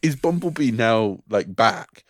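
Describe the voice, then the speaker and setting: A man in casual chat as a podcast co-host, with dry, deadpan complaints. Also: mid-range voice, a little slow, no room sound.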